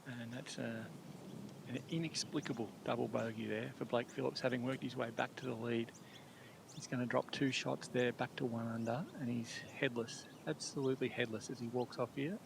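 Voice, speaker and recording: A man's voice: medium pitch, steady tone, moderate pace, creaky, background noise. A man giving live, conversational golf commentary in blunt, colourful turns of phrase.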